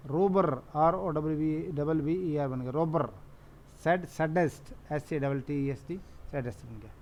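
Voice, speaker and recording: Slow, repetitive Indian teacher. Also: male voice, a little high, a little hiss or hum. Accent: Indian English. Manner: reads English rules slowly, explains in Hindi; repeats questions and answers them himself. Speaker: English teacher. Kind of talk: classroom lesson explaining rules.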